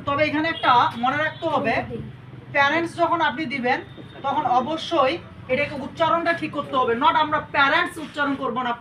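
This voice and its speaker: High, bright-voiced woman teaching English. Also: distant mic, a little hiss or hum, poor audio. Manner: drills English phrases slowly, corrects pronunciation, quizzes students. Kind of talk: classroom lesson. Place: classroom.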